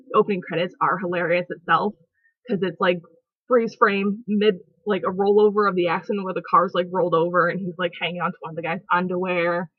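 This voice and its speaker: On her home vlog, a young vlogger gives a giggly, rambling movie review full of fillers. She has a fairly low-pitched voice, and the recording is dry, dull and lo-fi, made at home.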